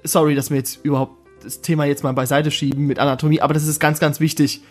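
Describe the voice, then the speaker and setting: A man's voice: fairly high pitch, level tone, quick pace, soft background music. A man co-hosting a casual podcast, joking around, laughing often and spelling words out letter by letter. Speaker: podcast co-host. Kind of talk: casual chat.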